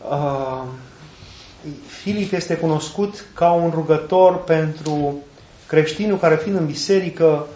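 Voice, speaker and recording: A man preaches a sermon in a fairly high voice, retelling scripture with folksy, animated asides. The sound is roomy and echoey, as in a church, with a faint hiss of background noise underneath. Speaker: Orthodox preacher.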